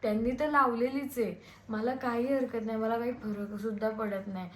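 Woman, hoarse, defiant vlogger, slightly high voice, echoey room. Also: steady tone, normal speed, a bit bright. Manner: defiant, scornful. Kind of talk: heated family-feud video rant. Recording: echoey room with faint noise.

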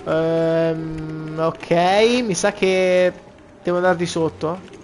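A man's voice: a little high, flat delivery, drawn-out words, darkish tone, faint music behind. A young man with a boyish voice, joking and swearing through casual gameplay commentary to his viewers. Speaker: let's play gamer.

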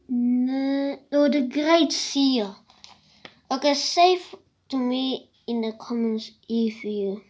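A woman talks to camera in a casual show-and-tell vlog, her voice sitting fairly high. She speaks slowly and unhurriedly, drifting between thoughts with hesitant restarts. Every so often she drops into a soft whispered aside. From South Africa. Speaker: vlogger.

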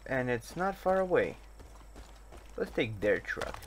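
A man's voice: mid-range voice, very animated, slow. A man chats wryly over his own gameplay, poking fun at his mistakes in a mid-range voice. Noisy game sound plays behind him. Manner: wry, self-mocking. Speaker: gaming YouTuber. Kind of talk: casual gameplay commentary.

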